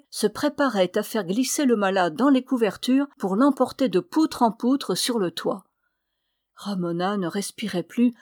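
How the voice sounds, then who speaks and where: A woman narrating a novel as an audiobook reader, in a steady, even storytelling read. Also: mid-range voice, no room sound, clean studio sound. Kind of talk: scripted narration.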